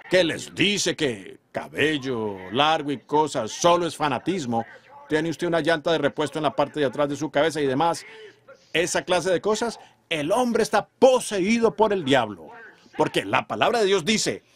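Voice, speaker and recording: Fervent preaching man, fairly high voice. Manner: fervent preaching, drawn-out emphatic phrases. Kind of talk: sermon delivered in Spanish voice-over.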